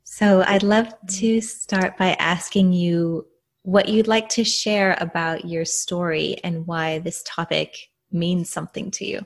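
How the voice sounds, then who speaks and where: A woman hosting a podcast, introducing her guest and the interview in a gentle, measured, caring way. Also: lowish voice, steady tone, creaky. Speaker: podcast host.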